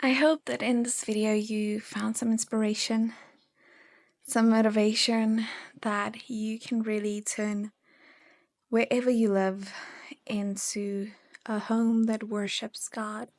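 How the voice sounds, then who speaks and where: A young woman giving a casual, earnest devotional talk to her viewers, encouraging and gentle with soft pauses. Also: fairly high pitch, level tone. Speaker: faith vlogger.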